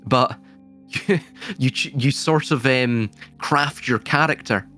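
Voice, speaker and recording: A man's voice: mid-range voice, takes it slowly, bright, forceful tone, faint music behind. A man from Scotland, speaking reflectively in a casual philosophical conversation, often searching for words and laughing lightly now and then.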